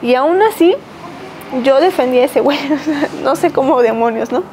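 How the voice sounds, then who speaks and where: A Mexican woman in her thirties, a podcast guest giving a personal testimony, talking haltingly with many fillers and restarts. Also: high-pitched, expressive, darkish tone, a little hiss or hum, poor audio. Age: 30s.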